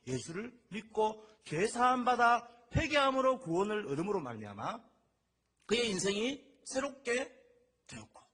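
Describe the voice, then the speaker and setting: A middle-aged man preaching a sermon as pastor, telling stories in a lively way and acting out the voices he quotes. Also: high voice, moderate pace, breathy edge.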